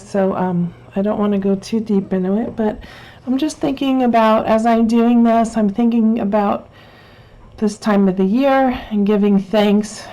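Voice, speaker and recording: Mellow-voiced woman teaching a craft. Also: mid-range voice, rough recording. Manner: chatty, rambling, self-correcting with frequent fillers. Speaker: Bible journaling instructor. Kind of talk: casual craft tutorial.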